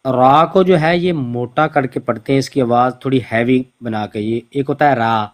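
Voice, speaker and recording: Male recitation teacher on an online call, mid pitch, slow and patient, models each sound by repeating it. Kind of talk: online pronunciation lesson.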